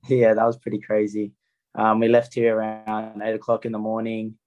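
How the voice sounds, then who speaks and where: A young Australian man speaks in a lowish voice with very little melody. He answers interview questions as a player would, plainly and without fuss. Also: completely flat delivery, a little fast, a little mellow, muffled recording. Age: young adult. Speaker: rugby league player being interviewed.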